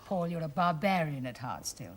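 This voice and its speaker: An actress playing a haughty, socially ambitious middle-aged wife who talks in a reproving, genteel way. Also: female voice, deep voice, sing-song, normal speed, slight background noise. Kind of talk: stage play acting.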